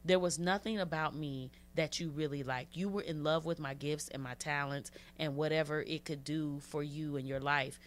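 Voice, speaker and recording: A woman guest in an interview, telling her own story in an earnest, heartfelt way and repeating phrases for emphasis. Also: low-pitched. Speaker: interview guest, abuse survivor. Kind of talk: personal testimony in an interview.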